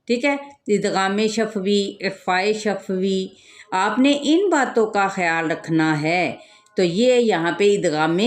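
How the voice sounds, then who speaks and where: A woman teaching a tajweed lesson, explaining each rule and then reciting the words slowly and drawn out, asking and answering her own questions. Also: medium pitch.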